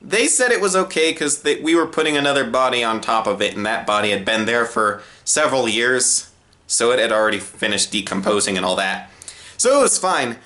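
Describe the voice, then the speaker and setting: A young man narrating a personal story, swinging between low deadpan asides and high exasperated outbursts. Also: brisk.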